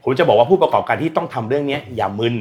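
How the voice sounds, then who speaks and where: A man's voice: mid-range voice, lively intonation, rapid-fire, darkish tone. A man talking as a guest expert on energy and climate in casual, blunt, slangy speech, acting out quoted voices. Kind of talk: casual explanatory talk.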